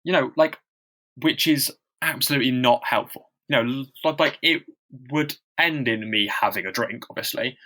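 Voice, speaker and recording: Podcast co-host, man with a stammer, mid-pitched, rambling and self-mocking. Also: normal speed, sharp tone. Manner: stammers, with blocks and repeated sounds; loose and chatty, with lots of fillers and self-deprecating asides. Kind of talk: casual chat.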